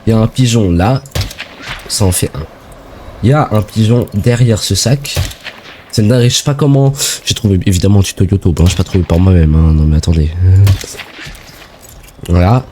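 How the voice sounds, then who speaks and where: Excitable young French gamer, mellow voice. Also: male voice, on the low side, a little fast, pauses often, slight background noise. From France. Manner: excitable, slangy, chatty. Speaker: gaming video creator. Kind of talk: casual let's-play commentary.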